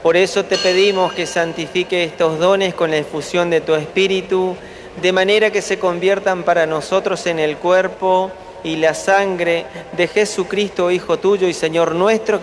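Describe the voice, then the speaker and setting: A man's voice: sits high, fairly even intonation, unhurried. A man praying solemnly and formally as a priest at Mass, in the echo of a cathedral. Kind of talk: liturgical prayer, read solemnly. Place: large stone basilica during Mass. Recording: echoing cathedral, noisy, from far off.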